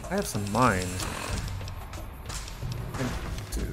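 With loud music playing behind him, a man with a lowish voice speaks slowly but very animatedly. He's a streamer and mod author narrating a game casually, swearing at the enemies and teasing them as he goes.

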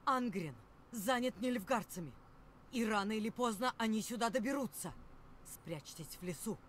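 A woman's voice: on the high side, animated, normal speed, a little hiss or hum, close to an everyday voice. An actress playing a stern, imperious warrior queen in a video game, solemn and commanding. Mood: stern warning. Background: game music.

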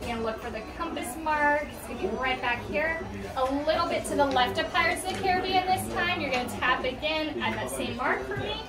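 Young female attendant, high voice, friendly instructions, echoey and off-mic, music behind. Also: brisk, distant mic, a crowd in the background. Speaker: theme park attendant. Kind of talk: friendly customer briefing. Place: small themed booth. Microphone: handheld camera at some distance.

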